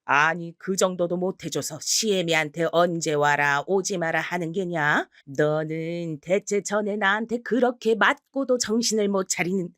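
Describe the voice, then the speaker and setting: A woman voicing a bullying, shameless older mother-in-law who scolds with slow contempt, in a storybook reading. The voice is very dry. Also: on the low side, fairly even intonation, fairly bright tone, dry recording. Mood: scolding.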